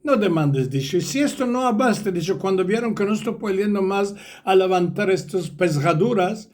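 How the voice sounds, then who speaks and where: Brief: man voicing a worn-down storybook horse, Ladino accent, higher voice, mournful and repetitive. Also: lively intonation, normal speed, darkish tone. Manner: mournful, repeating itself. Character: weary overworked old horse, male.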